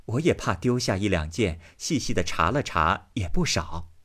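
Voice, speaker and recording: A man's voice: lowish voice, sing-song, normal speed, a bit bright. A man voicing a sly, teasing young maid from a classic novel, speaking with playful mockery.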